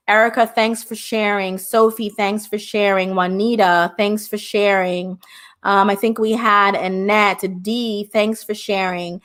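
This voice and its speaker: Her mid-range voice is a bit bright as this middle-aged Jamaican woman, a hypnotherapist, hosts a live-stream discussion. She talks with passion, often speaking directly to her viewers.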